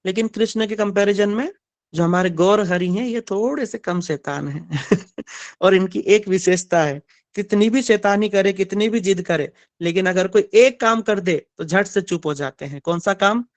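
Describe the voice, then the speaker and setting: High, clear-voiced male storyteller. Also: moderate pace, dry recording. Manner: animated storytelling, asks the audience. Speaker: spiritual storyteller. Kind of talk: devotional story sermon.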